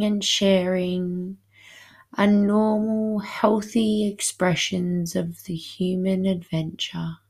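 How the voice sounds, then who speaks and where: A woman guiding a hypnosis session, speaking softly and soothingly, at times drifting into a whisper. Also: medium pitch. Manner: slow, soothing, hypnotic delivery.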